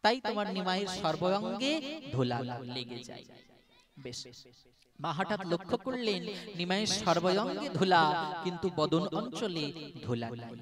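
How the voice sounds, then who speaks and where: A man with a West Bengal Bengali accent preaches to a village gathering, moving between storytelling, direct appeals to his listeners and chanted kirtan. His voice sits high for a man. A large crowd murmurs behind him. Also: big pitch swings, normal speed. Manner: storytelling, addressing the crowd, breaking into song. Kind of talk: devotional sermon with chanted kirtan. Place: outdoor village religious gathering.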